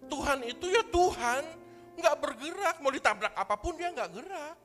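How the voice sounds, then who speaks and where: A man preaching as pastor at a church service, animated and full of rhetorical questions and sound effects. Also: very high voice, moderate pace, faint music behind. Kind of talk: sermon.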